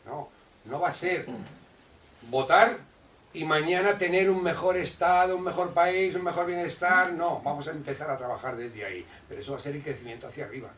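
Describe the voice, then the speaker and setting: Captured on a distant mic amid roomy echo and faint noise, an older man addresses a neighborhood association meeting. His fairly high, somewhat bright voice moves a little fast as he argues with passion, hammering points, repeating himself and starting sentences over.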